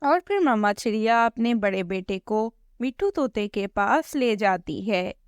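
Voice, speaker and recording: A woman narrating a cartoon story slowly and evenly. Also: mid-range voice, clear, resonant tone, dry recording, studio quality. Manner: slow, even storytelling.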